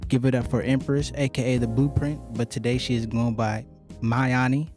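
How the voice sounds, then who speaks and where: A man hosting a podcast, asking questions in a relaxed, casual way. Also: medium pitch, normal speed, music in the background. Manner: relaxed, laid-back questioning with fillers. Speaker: podcast host. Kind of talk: casual interview chat.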